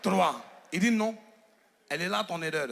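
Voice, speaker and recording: A man in his thirties with an Ivorian French accent, doing stand-up comedy on a theater stage and telling stories with animated quoted voices. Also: sits high, moderate pace, gravelly.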